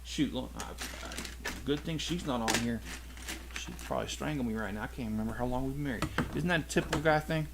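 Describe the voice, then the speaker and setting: A middle-aged toy channel host chats casually with viewers during a live building stream from his rural home, rambling and correcting himself. His voice is medium-pitched and brisk with vocal fry, against a noisy background.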